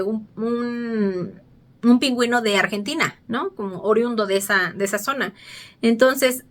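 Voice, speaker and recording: A female vlogger casually retells a film's story to her viewers, chatty and acting out the dialogue, with frequent fillers and restarts. Her voice is fairly high and fairly bright.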